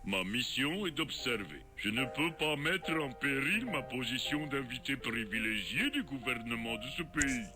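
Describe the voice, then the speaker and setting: A male actor voicing a cold, deadpan Eastern European Nobel laureate in an adventure game, speaking curt and dry. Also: mid-range voice, moderate pace, few pauses, lightly acted. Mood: stern, deadpan. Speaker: game character. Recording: game audio with clear background music.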